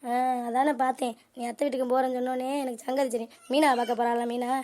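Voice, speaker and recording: A woman voicing a sharp-tongued, scheming middle-aged mother in a homemade cartoon, scolding her family. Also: high voice, little pitch movement, fast, close to an everyday voice. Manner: scolding, bickering. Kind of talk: cartoon voice acting.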